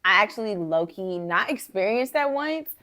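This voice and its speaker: A young woman with a Southern US accent, co-hosting a podcast in animated casual chat and laughing often. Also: medium pitch, moderate pace. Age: young adult. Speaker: podcast co-host.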